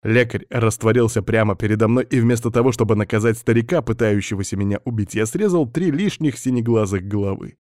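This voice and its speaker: A man reading a first-person story aloud in a steady, scripted audiobook narration. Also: on the low side, brisk, few pauses, dry recording, clean studio sound.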